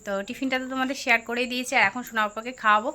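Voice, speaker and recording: A woman's voice: on the high side, fairly even intonation, rapid-fire, pushed and bright. A young woman, chatting casually to viewers in a home vlog, often cooing at her child. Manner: chatty, talks baby-talk to her child. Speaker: vlogger. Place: home indoors.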